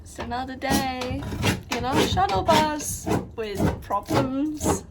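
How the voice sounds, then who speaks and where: A woman's voice: high voice, slow, very noisy. A woman chatting casually on camera while she does hands-on work converting a bus, upbeat and talkative. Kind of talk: casual vlog narration.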